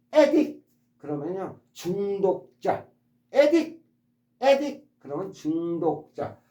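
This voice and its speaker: A man's voice: fairly high pitch, mellow, echoey room. A man teaching English vocabulary to his subscribers, repeating each word and demonstrating its stress patterns. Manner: addresses subscribers politely. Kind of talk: explanatory vocabulary lesson.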